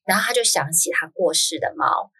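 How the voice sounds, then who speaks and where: A woman guest, an author and schoolteacher, telling a personal story in conversation, lively and full of fillers and quick "yes, yes" affirmations. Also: fairly low pitch, husky.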